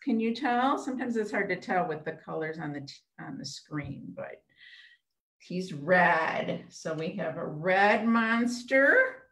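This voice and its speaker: Her voice is lowish but fairly bright, animated, and measured in pace as this middle-aged woman leads an interactive storytime for small children. Posing simple questions in short phrases, she is on a webcam video call indoors in a small home room, with a computer mic a step away and a roomy echo.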